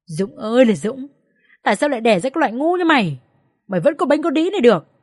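A woman's voice: mid-range voice, lively intonation, normal speed, dry recording, clean studio sound, lightly acted. A woman voicing a furious, abusive older mother-in-law who shrieks insults. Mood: enraged.

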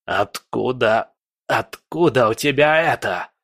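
A man's voice: on the low side, fairly even intonation, takes it slowly, bright, forceful tone, no room sound, clean studio sound, full character voice. A man voicing an old male villain, a shadow sorcerer who snarls and hisses his lines. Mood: horrified. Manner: hissing, snarling.

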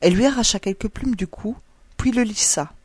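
A woman's voice: medium pitch, fairly quick, darkish tone, husky, dry recording, clean studio sound. Woman reading a fairy tale. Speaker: audiobook reader. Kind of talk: storybook narration.

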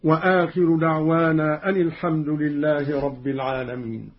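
A man giving a measured radio lesson on Quran readings, explaining each reading and chanting the quoted verses, on a dull lo-fi old radio recording. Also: fairly high pitch, steady tone, breathy edge.

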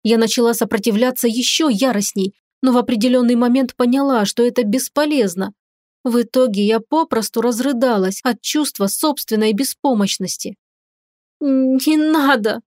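A woman narrating a first-person audiobook with an expressive, dramatic delivery. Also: on the high side, moderate pace, no room sound, clean studio sound. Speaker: audiobook reader.

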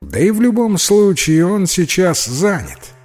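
A man's voice: sits high, very animated, measured pace, a little mellow, faint music behind, voice pushed up, exaggerated voice. A man voicing an ironic, philosophical ghost who talks in a mocking, lecturing way.

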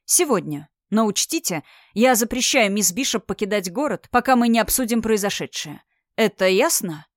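A woman's voice: medium pitch, animated, moderate pace, no echo, studio quality, close to an everyday voice. Woman voicing a stern, commanding policeman. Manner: cold, curt, commanding. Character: stern, imposing male magic policeman.

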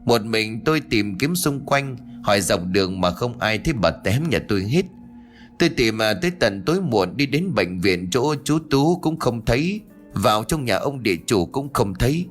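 A man's voice: mid-range voice, expressive, moderate pace, faint music behind, close to an everyday voice. A man voicing a worried old village man who talks brusquely and scolds the young ones in a ghost story. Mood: weary.

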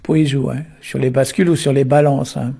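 A man, unhurried and full of tag words, explaining the origins of words. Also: mid-range voice, level tone, vocal fry, warm tone, slightly rough. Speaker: Breton language explainer. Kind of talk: explanatory talk on word origins.

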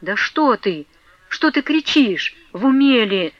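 A timid, frightened man begging in a hushed voice, slow and nervous, as a woman reader puts him on. The audiobook sound is dry and slightly muffled. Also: on the high side, big pitch swings, no echo. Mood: pleading. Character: timid frightened middle-aged man, pleading under his breath. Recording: dull, dry lo-fi recording.

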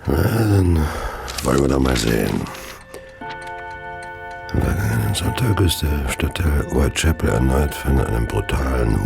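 Gravelly, very deep Jack the Ripper. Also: male voice, full character voice. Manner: slow, savouring, theatrical, self-satisfied. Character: gloating, arsenic-addicted Victorian serial killer, wealthy gentleman. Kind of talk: German radio play monologue and narration.

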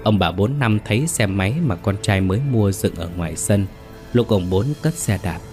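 A man narrating a ghost story in a steady, measured way. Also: lowish voice, faint music behind.

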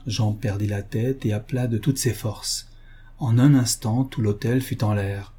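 Husky dark-voiced male narrator. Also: lowish voice, steady tone, a little slow. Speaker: audiobook narrator. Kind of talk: scripted narration.

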